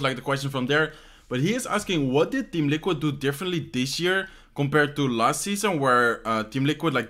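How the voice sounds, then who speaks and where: Sitting indoors in his bedroom, a young Dutchman chats casually through fan questions in accented second-language English. His voice is a little high and a bit bright. He wanders from point to point, leaning on "like" and pausing with "how you say this" while he hunts for words.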